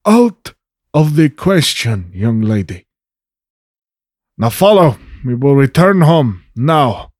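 A man's voice: medium pitch, sing-song, slow, long pauses, a little mellow, no echo, clean studio sound. A man playing a stern, commanding farmer father in his fifties in a tabletop game.

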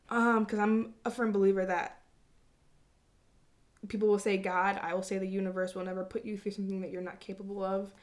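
A woman's voice: medium pitch, a little mellow. A woman talking to her viewers in a reflective personal monologue, earnest and rambling, with casual swearing. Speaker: vlogger.

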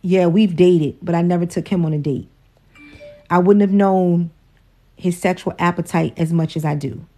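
A woman's voice: fairly low pitch, fairly even intonation, moderate pace, mellow. A woman in her forties hosting a casual livestream about relationships, outspoken, profane and preachy as she lectures her viewers. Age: 40s. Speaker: host, wife.

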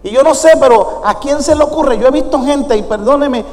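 A man preaching a sermon with a very high voice, firing questions at the congregation. The long reverb of a church sanctuary trails every phrase. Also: a little fast, a little mellow. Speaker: pastor.

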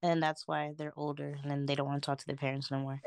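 A young woman hosts a casual podcast chat in a low, steady voice. She sounds relaxed and encouraging as she guides her guests along. The sound is close and dry. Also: fast, smooth, no echo. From United States. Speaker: podcast host.

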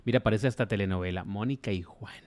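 A man's voice: on the low side, darkish tone. Joking Mexican man co-hosting gossip. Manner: joking, prompts with quick questions and reads viewer comments. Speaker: entertainment show co-host. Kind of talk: casual gossip chat.

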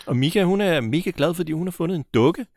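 Male co-host, gravelly edge, lively up-and-down delivery, joking recap chat. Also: fairly high pitch, no room sound. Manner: relaxed, chuckling, joking asides. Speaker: podcast co-host. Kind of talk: casual chat recapping a TV series.

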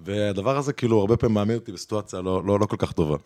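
A man's voice: on the low side, a little mellow, no room sound, studio quality. A man hosting a podcast, telling anecdotes in casual chat with many fillers and laughs. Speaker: podcast host.

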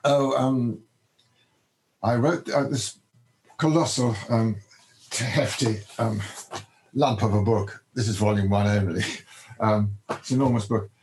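An older man, a biographer, answering interview questions in a halting way, with many ums and restarts. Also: lowish voice, darkish tone, a little hiss or hum, rough recording.

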